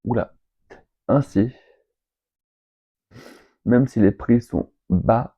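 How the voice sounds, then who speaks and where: A man chatting casually in a vlog, rambling with fillers and asides while reading travel tips aloud. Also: lowish voice. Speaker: vlogger. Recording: dull lo-fi home recording.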